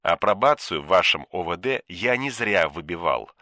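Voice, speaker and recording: A man voicing a cold, menacing male official on the phone, speaking quietly and slowly with contempt. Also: low-pitched, animated, no room sound, clean studio sound. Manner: quiet, contemptuous, slow and deliberate. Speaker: shadowy superior giving orders.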